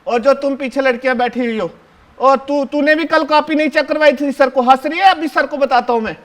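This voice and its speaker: A man's voice: very high-pitched, a little fast. A male actor performing a one-man stage play as a talkative seventh-grade schoolboy who bosses his classmates and fawns over his teacher. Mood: chatty. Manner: bossy, chatty, keeps hushing and ordering classmates; fawning toward the teacher, repeats "sir" constantly. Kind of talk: live solo stage acting, addressing the audience.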